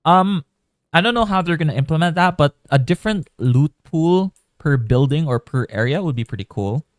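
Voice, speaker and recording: A man's voice: on the high side, animated, moderate pace, dry recording. Chatty man streaming a game, dry sound. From Philippines. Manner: chatty, rambling, thinking aloud. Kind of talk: casual live gameplay commentary.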